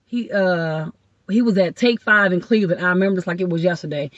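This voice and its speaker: A woman from Ohio, a guest comedian, telling rambling, excited stories in casual podcast chat. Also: fairly low pitch, brisk, no room sound. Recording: dull lo-fi dry sound.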